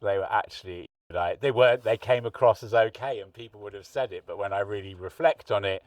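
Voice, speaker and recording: In a reflective interview chat, a middle-aged man hosting a podcast thinks aloud in long, wandering sentences. His voice is on the low side and a little fast. A distant mic captures dry sound without echo.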